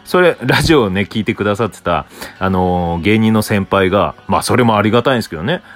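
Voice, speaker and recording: A young man from Hokkaido talks alone on his podcast in a loose, rambling way, often answering himself with a soft murmur. His voice sits low but jumps around in lively swings of pitch. Faint music plays under him. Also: quick pace. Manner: rambling, self-answering with frequent soft "un" fillers. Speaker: podcast host. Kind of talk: solo casual talk.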